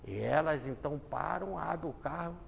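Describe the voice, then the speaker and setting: A man preaching a sermon, animated, acting out quoted voices and moving between loud and hushed passages. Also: a little high, moderate pace, creaky, a little hiss or hum. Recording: long hall reverb.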